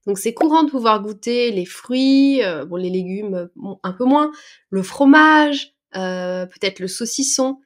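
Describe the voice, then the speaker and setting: A woman's voice: mid-range voice, darkish tone. A woman teaching a French lesson, patiently explaining words and expressions step by step, with small hesitations as she goes. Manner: patient, breaks words down slowly with fillers.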